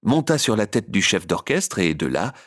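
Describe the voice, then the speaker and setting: A man reading a children's story aloud in an expressive narration. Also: on the low side, normal speed.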